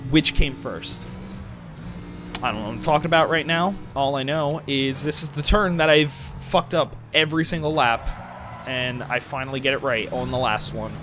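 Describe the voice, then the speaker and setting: A man's voice: medium pitch, normal speed, background noise. A young man rambling casually as he plays through a racing game, questioning himself and swearing now and then. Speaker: gaming channel host. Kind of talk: rambling let's-play commentary.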